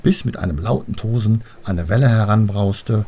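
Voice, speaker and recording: A man reading a children's storybook aloud in an expressive way. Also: lowish voice, moderate pace, background noise. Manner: expressive, lively. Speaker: narrator.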